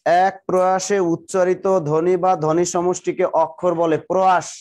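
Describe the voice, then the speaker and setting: Guy with a high voice teaching an online exam class, says each definition slowly over and over, keeps telling everyone to write faster. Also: little pitch movement, a little mellow. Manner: repeats definitions slowly for students to write down, urging them to hurry; talks to viewers directly, greeting them by name and district. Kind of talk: live online class, dictating notes.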